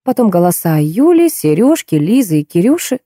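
Mellow-voiced woman reading an audiobook. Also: medium pitch, normal speed, no echo, studio quality. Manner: expressive, animated reading. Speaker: audiobook narrator. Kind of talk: first-person audiobook narration.

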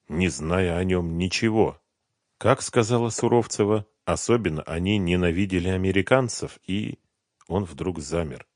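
Man, audiobook narrator, low voice, dry close recording. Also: no echo. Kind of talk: scripted narration of a thriller novel.

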